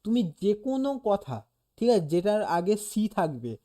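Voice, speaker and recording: Mellow-voiced teacher explaining step by step. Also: medium pitch, sing-song, moderate pace. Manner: explains patiently, demonstrates sounds aloud, keeps checking "okay?". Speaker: animation teacher. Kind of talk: casual one-on-one lesson.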